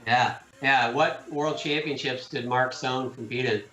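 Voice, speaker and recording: A middle-aged man doing live gymnastics commentary with animated, joking banter. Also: medium pitch, a little slow. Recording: echoey room.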